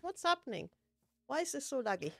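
A woman's voice: sits high, big pitch swings, a little fast, gravelly, fairly bright tone, dry recording. A woman streaming a building game, chatting casually, laughing often and poking fun at herself. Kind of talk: casual gameplay chat.

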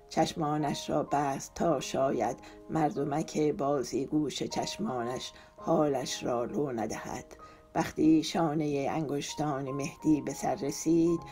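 A woman narrating a romance novel as an audiobook in a calm, expressive storytelling manner. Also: low voice. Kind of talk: scripted narration.

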